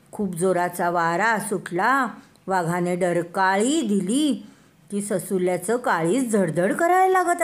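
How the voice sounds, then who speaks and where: An older woman telling a children's story in a slow, sing-song way, addressing the kids directly. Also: medium pitch. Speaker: storyteller grandmother.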